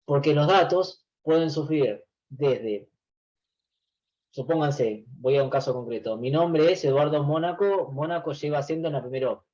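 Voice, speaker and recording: A man lectures a university class over a video call. He explains patiently, doubling back on phrases and filling pauses with "eh". His voice sits a little high, and the sound is dull and lo-fi. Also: a little mellow. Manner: explains patiently, many restarts and filler "eh". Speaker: university database teacher.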